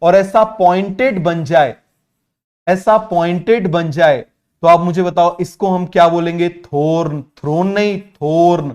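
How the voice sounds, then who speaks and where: A male teacher giving an online biology lesson in Hindi-English mix, repeating key terms and urging students to answer quickly. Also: on the high side, darkish tone, highs cut off. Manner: repetitive, keeps asking students to answer quickly; drills terms by repeating them slowly.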